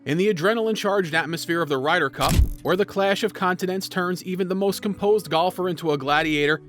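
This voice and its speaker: Casting: male narrator, notably high voice, dramatic scripted storytelling for video, music underneath. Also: a bit bright.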